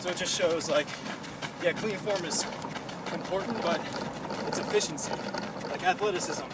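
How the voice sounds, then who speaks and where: A man's voice: high-pitched, moderate pace. A young American man in his twenties chatting casually and informally while running outdoors, in rambling sentences peppered with "like". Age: 20s. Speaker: runner and online running coach. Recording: distant mic, loud outdoor traffic noise.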